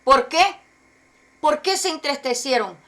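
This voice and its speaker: A woman's voice: high voice, lively intonation, unhurried, a bit bright. A woman preaching a sermon, emphatic and asking many rhetorical questions.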